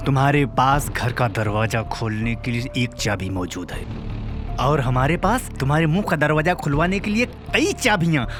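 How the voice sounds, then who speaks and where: Actor as a commanding police officer, lively rising delivery, music score beneath. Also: male voice, mid-range voice, normal speed, lightly acted. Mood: menacing. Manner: authoritative, reasoning aloud, threatening. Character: shrewd senior police officer interrogating a suspect.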